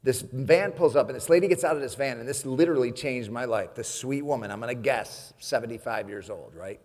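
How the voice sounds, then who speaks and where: A man's voice: medium pitch, brisk, darkish tone. A man giving a humorous motivational speech, telling a story with frequent laughter and addressing the audience as friends. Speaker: keynote speaker. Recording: long hall reverb.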